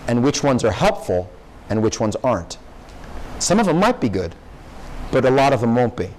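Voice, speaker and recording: A young man, a professor, giving a conversational classroom lecture to high school students and peppering them with questions. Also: big pitch swings, moderate pace, a little mellow, a little hiss or hum, rough recording. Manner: conversational, asks the audience lots of questions. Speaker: guest speaker, professor.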